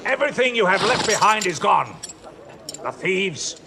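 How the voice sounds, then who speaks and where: A man's voice: sits high, sing-song, normal speed, gravelly, background noise, full character voice. An actor playing a scornful man who brings bad news and taunts his listeners with sarcasm. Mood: urgent. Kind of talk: 1970s film acting.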